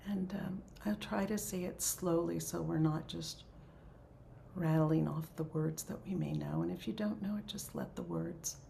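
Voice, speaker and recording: Woman leading a prayer circle: slow, soft, half-whispered, with a low gravelly voice and faint background noise. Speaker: spiritual leader of a prayer circle. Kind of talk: gentle spiritual talk and prayer.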